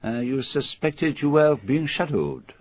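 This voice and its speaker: Hercule Poirot, unhurried, courteous detective. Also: male voice, a little high, sing-song, dry recording. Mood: probing. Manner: formal, measured, deliberate phrasing. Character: courteous, shrewd foreign male detective, middle-aged, quietly amused. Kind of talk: radio drama acting. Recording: slightly dull, lo-fi radio recording.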